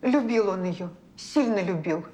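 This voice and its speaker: A woman's voice: mid-range voice, animated, unhurried, mellow, slight background noise, natural voice. An actress playing a plain-spoken, hesitant servant woman in a period detective series. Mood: wary, recollecting. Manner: folksy, hesitant.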